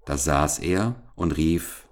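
A man with a very low voice reads a classic fairy tale aloud for children. He takes his time, pacing each sentence slowly and expressively for young listeners. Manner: slow, measured, expressive. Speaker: storyteller.

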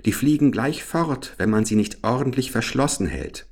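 A man's voice: medium pitch, animated, normal speed, breathy edge, voice pushed up. A man voicing a fierce, wild little robber girl who talks in a bossy, teasing and threatening way.

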